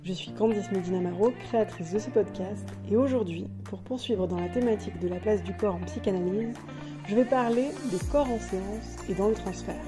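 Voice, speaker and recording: A woman's voice: mid-range voice, brisk, over music. A woman hosting a podcast, delivering a scripted, explanatory solo monologue with light asides. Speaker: podcast host.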